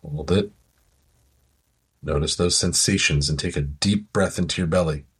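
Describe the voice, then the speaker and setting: A man slowly guiding a listener through a progressive muscle relaxation exercise with soothing, calm instructions. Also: extremely low pitch, husky. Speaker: relaxation guide.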